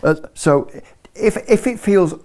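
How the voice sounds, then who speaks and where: A man's voice: high voice, lively intonation, slow pace, a little mellow, a little hiss or hum. A British man giving an informal spoken lesson as a ski instructor, chatty and explanatory, checking in with his listeners.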